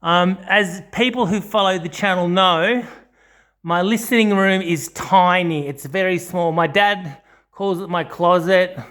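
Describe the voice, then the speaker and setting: Indoors in a small home study, an audio channel host gives a casual, unscripted video walkthrough. His voice is high-pitched, a little slow and somewhat bright, and he rambles hesitantly, often correcting himself.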